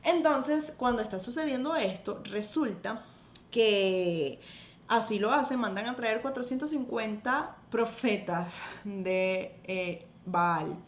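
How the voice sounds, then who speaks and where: A woman with a Venezuelan accent, casually and animatedly retelling a Bible story on a podcast, laughing and acting out quotes. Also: takes it slowly. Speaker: podcast host. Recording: echoey room, faint rumble.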